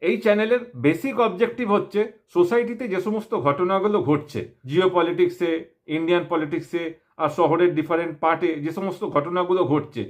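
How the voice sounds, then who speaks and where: A man with a West Bengal Bengali accent introducing himself to viewers as a channel host, speaking through a face mask. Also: high voice. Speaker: YouTube opinion channel host. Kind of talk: self-introduction talk to viewers.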